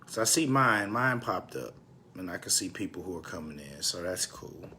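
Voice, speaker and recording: Low-pitched and animated, with a sharp tone and a little hiss or hum in the recording, this man from Texas talks casually to viewers on his home-business livestream at a moderate pace. He's slightly congested, chatty, and prone to repeating himself, dropping to a mutter when he looks at his phone, the device he's recording on.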